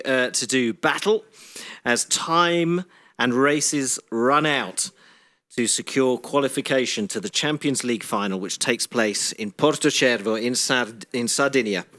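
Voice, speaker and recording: A man commentating live on a sailing race, steady and informative, with frequent "uh" fillers. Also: medium pitch.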